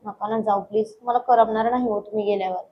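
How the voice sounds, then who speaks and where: A woman's voice: mid-range voice, fairly even intonation, quick pace, highs cut off, slight background noise, lightly acted. A woman voicing a young husband in a spoken story, scolding his wife playfully and with affection. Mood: teasing. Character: young husband, teasing and lovestruck.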